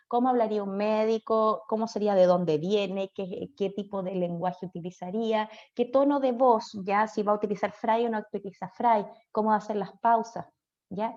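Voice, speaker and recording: A woman's voice: mid-range voice, darkish tone. Chatty Chilean woman lecturing. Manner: chatty, checks in with frequent tag questions. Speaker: speech therapy lecturer. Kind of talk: online class lecture. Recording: dull lo-fi audio.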